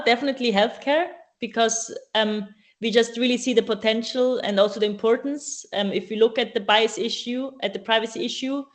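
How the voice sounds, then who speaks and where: A woman answering questions at a student AI event, talking casually and often pausing with ums and restarting her sentences. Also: a little high. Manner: hesitant, many ums and restarts.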